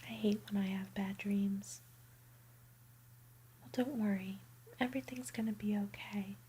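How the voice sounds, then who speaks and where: Slow, soothing whispering woman. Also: medium pitch, steady tone, mellow, slight background noise. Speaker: ASMR roleplay performer. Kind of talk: ASMR bedtime roleplay.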